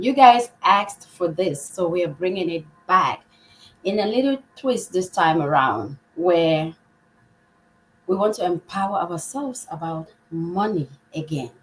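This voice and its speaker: A woman's voice: on the low side, a little hiss or hum, rough recording. A woman hosting a live podcast, upbeat and welcoming, now and then restarting her words. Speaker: podcast host.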